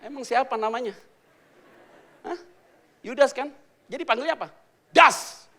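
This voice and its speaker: Lively high-voiced pastor preaching casually. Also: male voice, moderate pace. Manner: playful, acts out quotes, swings from hushed to loud. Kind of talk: casual sermon.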